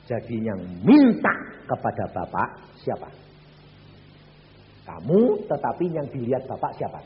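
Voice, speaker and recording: A man, preaching a sermon and swinging from loud peaks to hushed drops. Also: mid-range voice, wildly swooping pitch, measured pace. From Central Java, Indonesia. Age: 80s. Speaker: evangelist preacher. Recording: echoey hall, dull lo-fi with hum.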